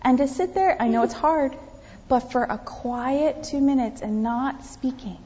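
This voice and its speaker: A high-voiced woman pastor, speaking at a measured pace, delivers a children's sermon in the sanctuary. She asks the kids questions with lots of animation and often slips into whispers. The audio sounds dull and echoes around the church.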